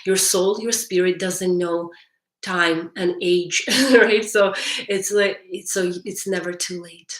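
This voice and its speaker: A woman's voice: on the low side, steady tone, slow, roomy sound. A woman hypnotherapist talking on a live stream and answering viewers' chat, who often ends sentences with "right?" and restarts her phrases.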